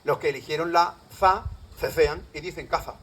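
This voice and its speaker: A man's voice: on the high side, normal speed, a bit bright, a little hiss or hum, low-quality recording. A middle-aged man from Andalusia with an Andalusian Spanish accent gives a live public talk as a lecturer, often quizzing his audience. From Andalusia, Spain.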